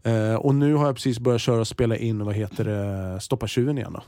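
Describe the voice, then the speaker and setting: A man in his forties in a casual interview, telling animated stories, swearing freely and restarting his sentences. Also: fairly low pitch, no echo, studio quality. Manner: lively storyteller, swears freely, frequent restarts. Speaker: TV host and interviewee.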